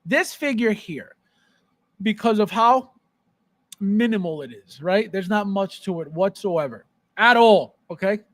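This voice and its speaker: A man with a high voice hosts a casual live stream about collectibles, recorded with no room sound. He keeps it conversational, repeating phrases for emphasis and checking in with the listener.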